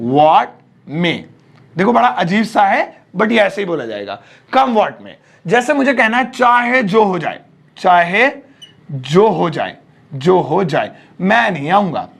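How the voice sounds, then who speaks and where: A man teaching English phrases in Hindi, explaining slowly and repeating each phrase word by word. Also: high-pitched, vocal fry, a bit bright. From India. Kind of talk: Hindi-language English lesson.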